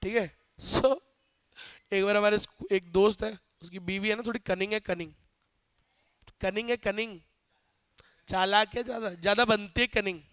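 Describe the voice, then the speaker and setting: Lively Hindi-speaking male teacher. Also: high voice, normal speed, pauses often, clear, resonant tone, no room sound. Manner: animated, asks students questions, jokes. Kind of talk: classroom lecture.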